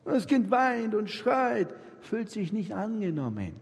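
A man delivers an animated sermon, his pitch swinging widely as he acts out little dialogues and turns to his listeners. His voice is slightly husky. The sound rings out with the long reverb of a church hall. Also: measured pace. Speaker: preacher to a congregation. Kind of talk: lively sermon.

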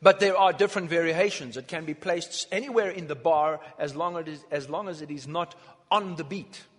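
Male lecturer, husky and a bit high, halting phrases for an interpreter; long hall echo. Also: a bit bright. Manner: speaks in short phrases, pausing for translation, counts beats aloud. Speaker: lecturer on music. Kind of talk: lecture given through an interpreter.

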